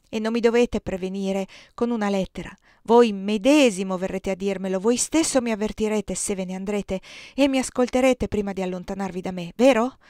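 A woman's voice: medium pitch, darkish tone, no room sound, studio quality, natural voice. A woman voicing a passionate young woman who pleads emotionally with her lover.

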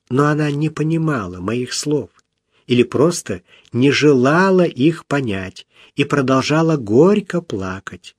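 A man reading a first-person story aloud in a measured, expressive way. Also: mid-range voice, breathy edge, no echo, clean studio sound. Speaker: audiobook narrator.

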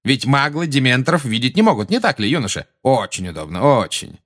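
A man's voice: medium pitch, very animated, brisk, fairly bright tone, pitched above the performer's own voice. A man voicing a pompous, scornful middle-aged minister with a sneering, haughty manner in an audiobook.

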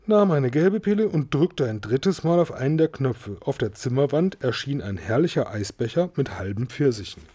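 Man reading a kids story out loud, steady and mellow, middle pitch. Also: moderate pace, hardly any pauses. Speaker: audiobook reader.

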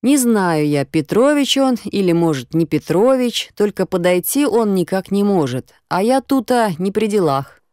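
A woman voicing a rough, cheeky male stranger who talks in coarse slang and drawls his mocking replies. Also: medium pitch, big pitch swings, moderate pace, hardly any pauses, darkish tone, dry recording, clean studio sound, voice pushed up, lightly acted. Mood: gruff, mocking.

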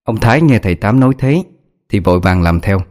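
A man narrating an audiobook ghost story in a steady, dramatic way. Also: lowish voice, fairly quick.

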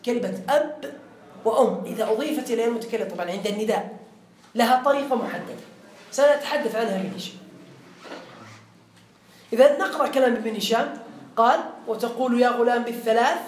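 A man's voice: very high voice, quick pace, pauses often, a little hiss or hum. A man teaching a classroom grammar lesson. He quizzes his students and repeats the key phrases. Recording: roomy classroom echo.

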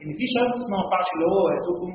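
An Egyptian man with a high voice teaches a classroom lesson at a fast pace in Egyptian Arabic, quizzing students and asking frequent check-in questions. The recording has an echoey hall sound, dull lo-fi quality and a little hiss or hum.

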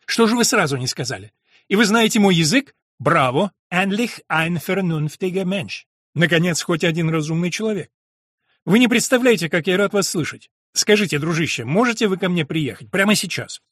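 An excitable foreign doctor barks short, impatient exclamations, as a man reads him aloud. The voice sits raised and pushed above the reader's own, close and dry with no room around it. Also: high voice, brisk, hardly any pauses, husky, dry recording, pitched above the performer's own voice, full character voice. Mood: excited.

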